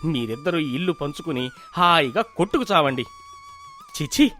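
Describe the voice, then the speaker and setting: A man's voice: on the high side, wildly swooping pitch, moderate pace, pushed and bright, faint music behind, full character voice. A man playing a frazzled, pleading young farmer. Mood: exasperated. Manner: pleading, exasperated, frightened. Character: distressed young farmer husband, weary and timid. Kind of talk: cartoon voice acting.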